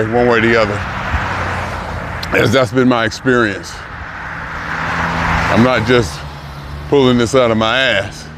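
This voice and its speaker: Older man, early sixties, reflective vlogger, halting and musing, walking a busy street, audible traffic behind. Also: mid-range voice. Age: 60s. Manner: musing, halting, thinks aloud with pauses and restarts. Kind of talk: reflective personal vlog. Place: outdoors on a city street, walking. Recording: outdoor traffic noise. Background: passing cars and street noise.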